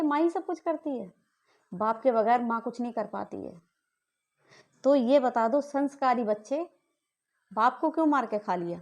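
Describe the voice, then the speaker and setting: Indignant high-voiced woman ranting. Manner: indignant, accusing, repeated rhetorical questions. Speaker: vlogger. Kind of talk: angry family-dispute rant to camera.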